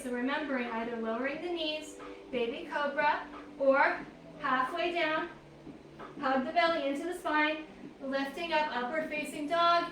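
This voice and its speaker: A woman leads a yoga flow with calm, encouraging cues and counts, a little out of breath. Her voice sits high. The sound is roomy and echoey, with a faint hiss underneath. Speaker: yoga instructor. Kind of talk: guided yoga class cues. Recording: echoey room, mic at a distance, faint noise.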